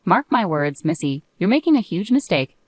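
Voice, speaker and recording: Lady doing grumbly old auntie, blunt and stern, low voice. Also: sing-song, normal speed, a little mellow, dry recording. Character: blunt bitter old aunt, warning.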